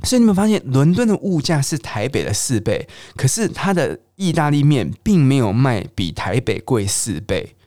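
Lively Taiwanese man teaching, chatty. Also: mid-range voice, normal speed, few pauses, no echo, clean studio sound. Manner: lively, chatty, mixes English words into Mandarin. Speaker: English teacher. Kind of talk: casual teaching monologue.

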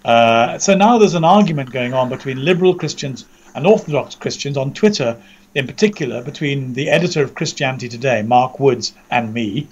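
A man with an English accent giving conversational news commentary over an internet call, measured and articulate, often repeating words as he searches for the next. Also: mid-range voice, lively intonation, lo-fi sound. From Britain. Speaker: commentator, co-presenter. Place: indoors under a roof, remote audio call.

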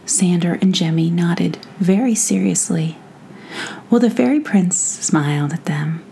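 A woman reading a bedtime story aloud with soft, half-whispered narration. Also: lowish voice, measured pace, vocal fry, a little hiss or hum.

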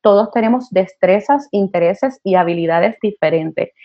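A woman speaks as a guest in a podcast interview, passionate and animated, often using fillers like "eh" and "este". Her voice sits in a middle pitch. The recording sounds slightly dull. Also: moderate pace. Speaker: guest, college admissions counselor.

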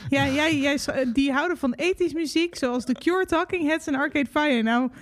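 Bright-voiced woman co-host, enthusiastic. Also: sits high, moderate pace. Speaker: radio staff, podcast co-host. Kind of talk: casual chat.

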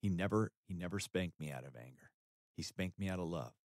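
A man with a deep, low-pitched voice talks through faith and life on a podcast. His delivery is earnest and emphatic, with a preacher's conviction. The sound is dry and close, with no room around it. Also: expressive, brisk, a little mellow, dry recording. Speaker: podcast co-host, author. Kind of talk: faith-based conversational talk.

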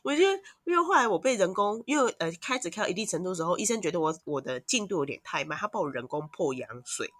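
A woman, a mother of two, telling long, animated stories as a podcast guest. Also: lowish voice, quick pace, hardly any pauses, no echo, clean studio sound. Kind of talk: casual podcast chat.

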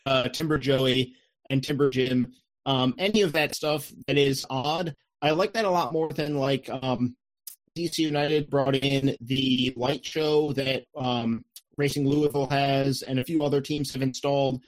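Mid-pitched man in halting casual chat. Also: steady tone, low-quality recording. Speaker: podcast panelist.

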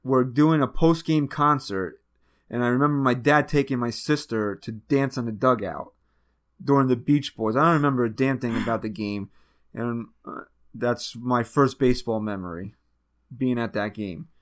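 A man's voice: mid-range voice, moderate pace. A man in his thirties co-hosting a casual sports podcast from his home, teasing and sarcastic. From United States. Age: 30s. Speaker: podcast co-host.

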